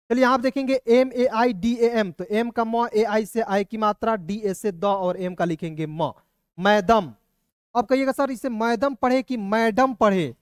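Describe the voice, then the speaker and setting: A man's voice: sits high, dry recording, studio quality. A man teaching an online spelling lesson, sounding out words letter by letter and checking in with "okay?" again and again. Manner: spells letter by letter, repeats "ठीक है ना".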